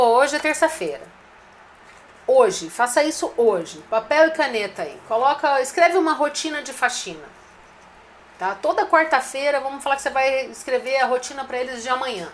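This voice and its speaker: Brisk coaching woman. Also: a little high, a little hiss or hum. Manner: direct, coaching, addresses listener familiarly. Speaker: restaurant business consultant. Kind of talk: live-streamed business advice talk.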